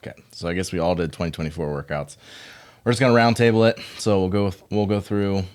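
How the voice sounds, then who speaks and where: Casting: very low male voice, easygoing gym coach host, loose filler-heavy chat. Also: quick pace. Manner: relaxed, filler-heavy, laughs often. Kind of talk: casual podcast chat.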